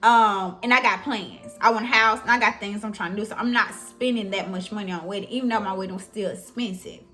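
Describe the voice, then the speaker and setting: A woman's voice: medium pitch, steady tone, quick pace, bright, forceful tone, faint music behind. A young woman vlogger in casual storytelling, chatting expressively and speaking straight to her viewers.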